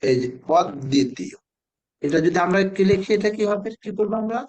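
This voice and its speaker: A man, teaching spelling to a children's class, patiently repeating words slowly and quizzing the pupils. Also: high voice, animated, a little mellow.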